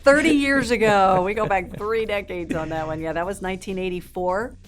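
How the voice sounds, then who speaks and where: Raised in South America and now in her fifties, this woman chats as an interview guest, sharing stories in an upbeat, fluent way with the odd um. Her voice sits at a medium pitch and moves at a normal speed.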